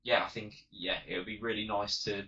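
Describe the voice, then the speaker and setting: An enthusiastic man with a bright, forceful voice chats casually as a podcast co-host. He keeps an agreeable tone, and the recording sounds dull and lo-fi. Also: fairly low pitch, steady tone. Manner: agreeable, enthusiastic, quick short replies. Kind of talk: casual fan podcast chat.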